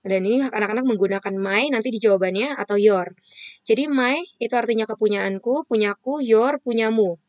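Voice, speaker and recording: A woman's voice: on the high side, fairly quick, a little mellow, dry recording, muffled recording. Woman, primary school teacher, patient step-by-step explaining, dry close sound. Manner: patient, explains step by step to kids, asks and answers her own questions. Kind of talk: online children's lesson.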